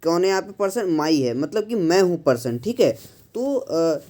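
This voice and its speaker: A man teaching an English lesson, explaining step by step with frequent pauses and mixing English phrases into his speech. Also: a little high, animated, dark tone. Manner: mixes English phrases into Hindi, slows to model sentence stress; frequent pauses with "uh" and "thik hai".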